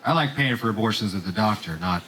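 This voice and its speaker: A man from Romania performing a stand-up set on a theater stage, with deadpan jokes and quick voiced asides. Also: lowish voice, noisy background. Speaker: stand-up comedian. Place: comedy theater stage with live audience. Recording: live stage recording with crowd laughter.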